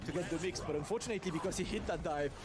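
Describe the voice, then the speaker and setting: A man giving live play-by-play commentary at a tournament, making rapid, energetic calls. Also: a little high, husky, dry recording. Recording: broadcast clip with a loud crowd.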